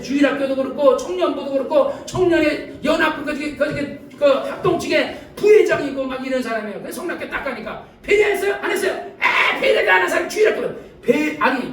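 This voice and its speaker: An older male pastor preaches in a very high, quick voice, shouting for emphasis and laughing between his points. The sound is echoey and roomy, picked up from a distance in a church hall. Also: a little hiss or hum. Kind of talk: sermon.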